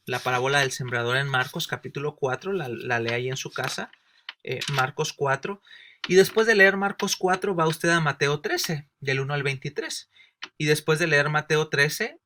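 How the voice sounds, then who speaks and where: A Sunday school teacher with a slightly high, sharp-toned voice leads a Bible lesson for new believers, with slight background noise. He uses everyday examples and rhetorical questions, frequently calling his listeners brothers and sisters.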